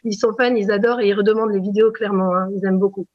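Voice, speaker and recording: A woman's voice: mid-range voice, fairly even intonation, racing, dull audio. A woman from France who teaches preschool, giving a spontaneous testimonial full of hesitations and fillers. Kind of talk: testimonial interview.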